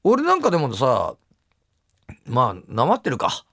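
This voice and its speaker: A middle-aged man with a Hokkaido accent hosts a radio show, his gravelly voice swinging wildly up and down in pitch. He talks in a blunt, teasing way while reading out listener mail. The studio sound is close and dry. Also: huge pitch swings, measured pace, fairly bright tone, dry recording. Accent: Hokkaido Japanese. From Hokkaido, Japan.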